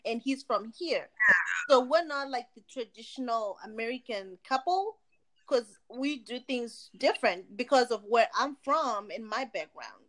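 Lively woman from Zimbabwe, chatting. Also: fairly high pitch, low-quality recording. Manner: animated, laughing, quick asides. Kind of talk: casual conversation.

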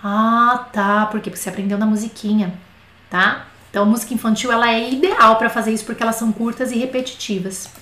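A woman with a high, bright-pitched voice gives an online French class in a chatty, explaining manner. She slows down to sing little children's songs line by line. The sound bounces around an echoey room. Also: fairly even intonation. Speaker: French teacher.

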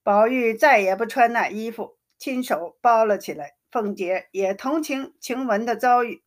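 A woman narrating a classic Chinese novel as a steady, measured storybook reading. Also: fairly high pitch.

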